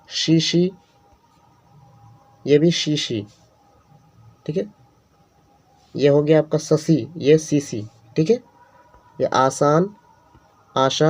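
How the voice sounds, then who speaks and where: A man's voice: on the high side, a little mellow. A man teaching a beginner lesson, spelling out letters and repeating each sound carefully. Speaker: Urdu teacher.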